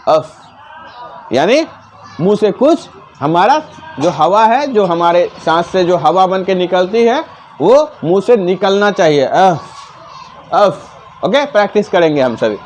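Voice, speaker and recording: A man teaching the alphabet to children in a slow, repetitive classroom manner, asking questions and repeating each sound. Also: high-pitched, very animated, a little mellow, slight background noise. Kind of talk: classroom-style alphabet lesson.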